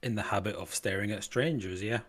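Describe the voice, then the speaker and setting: A man's voice: lowish voice, a little fast, faint music behind, close to an everyday voice. A man voicing a surly, hostile male frontier gunman who answers curtly and rudely. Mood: dismissive. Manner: curt, rude, dismissive.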